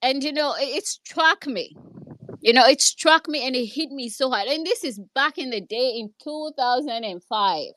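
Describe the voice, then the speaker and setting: In an online audio discussion, a woman with a Kenyan accent tells a personal story from her own experience, earnest and hesitant with many restarts. Her voice is high-pitched and fairly bright at a normal speed, recorded roughly but without echo.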